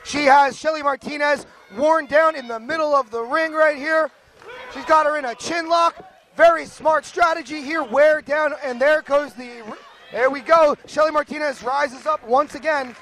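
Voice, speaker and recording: A man's voice: extremely high pitch, fairly even intonation, moderate pace, fairly bright tone. A man calling a wrestling match play-by-play, joking and bantering with his co-commentator.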